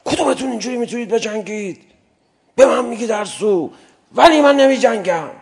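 A preacher putting on a proud defiant warrior. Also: male voice, very high-pitched, expressive, gravelly, breathy edge, voice pushed up, heavily acted. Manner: defiant, raised voice. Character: proud, touchy male warrior bent on proving courage. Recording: long hall reverb.

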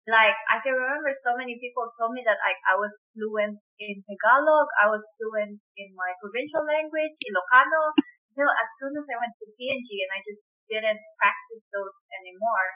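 A woman's voice: fairly high pitch, moderate pace. Young woman on a tinny call line. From Papua New Guinea. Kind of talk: casual chat. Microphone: video call. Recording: tinny phone-like call audio.

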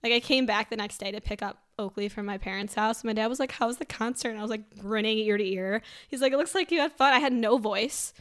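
A young woman co-hosting a podcast in casual chat. She is excitable and often laughs as she retells what people said. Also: a little high, clear, resonant tone. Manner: excitable, quick bursts of laughter between retold dialogue. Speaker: podcast co-host.

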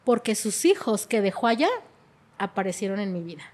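A woman's voice: mid-range voice, expressive, a little fast, darkish tone. A middle-aged woman, telling her life story in an emotional way and often repeating her words. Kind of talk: personal testimony.

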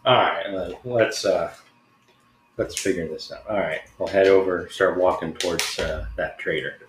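A man's voice: low-pitched, moderate pace. A man playing a character in a tabletop game, talking in a laid-back, hesitant way. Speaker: player. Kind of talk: casual tabletop play. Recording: echoey room with faint noise.

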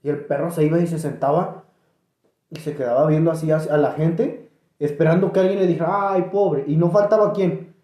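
A man's voice: a little high, brisk. Mexican man telling a story, roomy sound. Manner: animated anecdote-teller who laughs between lines. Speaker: podcast co-host. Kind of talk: casual chat, storytelling.

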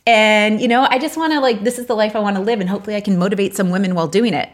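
A woman's voice: mid-range voice, very fast. A woman in her forties co-hosting a podcast with her husband, talking in a chatty, earnest way with lots of fillers. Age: 40s. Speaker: podcast co-host. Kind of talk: casual chat.

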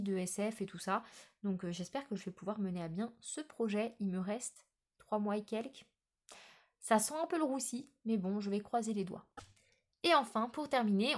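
A woman's voice: on the high side, a little mellow. A woman talking casually in a book vlog, often hesitating with filler sounds and restarts. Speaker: book vlogger.

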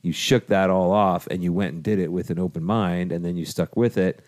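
A man's voice: low-pitched, fairly even intonation, a little fast, a little mellow. A middle-aged man and father hosting a casual family podcast from a home studio, encouraging and jokey. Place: home room turned audio studio.

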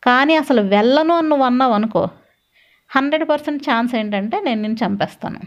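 A woman's voice: high voice, fast talker, natural voice. A woman voicing an arrogant male demon king who scolds and threatens in a storytelling reading. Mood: commanding. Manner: domineering, scolding. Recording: dull lo-fi recording.

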